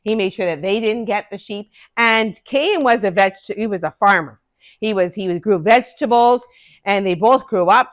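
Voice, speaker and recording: An older woman telling a Bible story to a class of children, animated and speaking to them directly. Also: mid-range voice.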